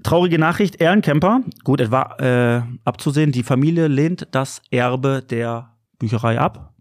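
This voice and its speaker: A man's voice: mid-range voice, moderate pace. A man co-hosting a podcast in casual chat, joking dryly and acting mock indignant. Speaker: podcast co-host.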